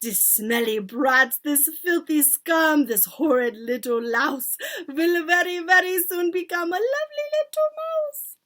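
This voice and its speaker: A woman voicing a gleefully cruel, commanding witch in a storybook reading, with a theatrical, drawn-out bark. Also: high-pitched, animated, fairly bright tone, pitched above the performer's own voice. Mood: shrieking triumph. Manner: theatrical, barking, drawn-out delivery.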